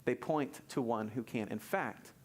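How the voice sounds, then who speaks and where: A male pastor preaching a sermon, animated, moving between soft and emphatic delivery and repeating key phrases. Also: mid-range voice, a little slow. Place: church service.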